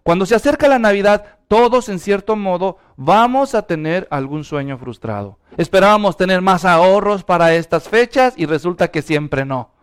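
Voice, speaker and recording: A man preaches a lively sermon in a high-pitched voice. His tone is smooth and clear, and he keeps urging his listeners to turn to one another and speak. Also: moderate pace, few pauses. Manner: animated, urges the congregation to respond aloud. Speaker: pastor.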